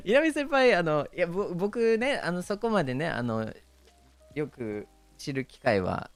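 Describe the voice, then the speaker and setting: A streamer with a Kansai Japanese accent chats casually, his pitch swinging widely, often hesitating with fillers and bursting into laughter. He is very animated yet speaks slowly, with soft music playing quietly behind.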